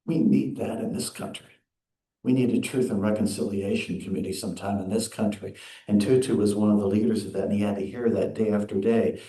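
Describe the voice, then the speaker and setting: A man minister giving an earnest, measured sermon in a church. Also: on the low side, fairly even intonation, warm tone. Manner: earnest, measured preaching with quoted readings. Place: church sanctuary. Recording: echoey sanctuary.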